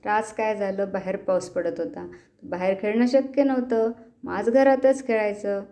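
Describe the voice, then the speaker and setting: A woman's voice: mid-range voice, steady tone, moderate pace, warm tone. A woman host giving a chatty, welcoming introduction to a children's activity video. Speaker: channel host.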